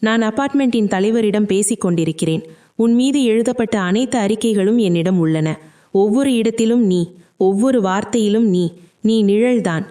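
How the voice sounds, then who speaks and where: A woman reading as a stern husband who has been betrayed, harsh and accusing toward his wife. The voice is mellow and warm. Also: mid-range voice, normal speed, lightly acted. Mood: cold.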